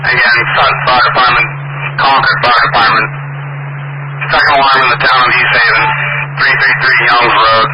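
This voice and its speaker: A man working as a fire dispatcher, reading out formulaic, measured call-outs over a radio. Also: mid-range voice, level tone. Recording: lo-fi scanner radio with loud static.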